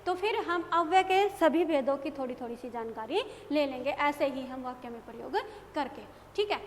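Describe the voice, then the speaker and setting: A woman teacher walks young pupils through a grammar lesson, asking questions and supplying the answers herself. Her voice sits high. The classroom recording rings with long reverb over a faint hiss of noise. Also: animated, moderate pace. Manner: asks questions and answers them herself, says "bhai" often. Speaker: school teacher.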